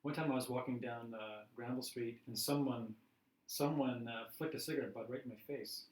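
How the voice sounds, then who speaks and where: Captured from afar in a roomy classroom recording, this man speaks in a steady, mid-range voice at a slightly fast clip. His casual teaching is chatty and full of laughter, with everyday scenes acted out to illustrate his points.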